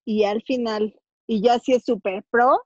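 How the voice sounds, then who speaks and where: A woman with a Mexican accent, a hair stylist guest on a podcast, explaining in a lively, animated way. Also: a little high, measured pace, slightly rough, dry recording. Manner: lively, animated storytelling with acted-out quotes. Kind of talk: casual interview chat. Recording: dull lo-fi dry sound.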